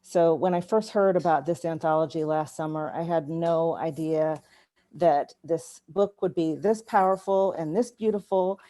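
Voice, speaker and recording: A woman speaking over a video call with a low, mellow voice. She talks in a relaxed, conversational way as she hosts an evening reading. The tone stays unhurried and personal. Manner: conversational, storytelling. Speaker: event organizer and host. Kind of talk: welcoming remarks on a video call.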